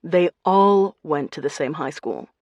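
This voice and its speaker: Eager young guy sharing clues, excited and confiding, read by a woman, dry close sound. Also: low-pitched, a little slow, no echo, muffled recording. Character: eager young man, a friend digging up records.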